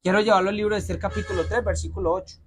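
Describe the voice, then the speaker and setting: A pastor with a fairly high, fairly bright voice and a steady tone preaches directly to his congregation, urging them to pay attention. He repeatedly pauses after rhetorical questions so they can answer, and there's slight background noise.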